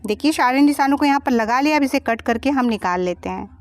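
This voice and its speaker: A woman's voice: high voice, animated, fast, no room sound. Patient woman teaching blouse cutting. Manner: patient, explaining each step. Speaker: sewing teacher. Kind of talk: step-by-step tutorial voice-over.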